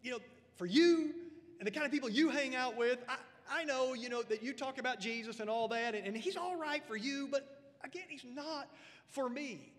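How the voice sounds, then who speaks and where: A man's voice: very high voice, normal speed, voice pushed up. A preacher voicing a dismissive, stammering skeptic man who talks to a pastor. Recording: long church reverb.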